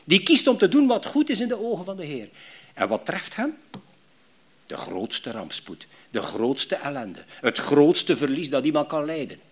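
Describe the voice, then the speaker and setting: Animated West Flemish preacher, high and lively. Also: male voice, normal speed, slightly rough. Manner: animated, repetitive restarts, rhetorical questions to the congregation. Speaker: pastor. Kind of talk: sermon.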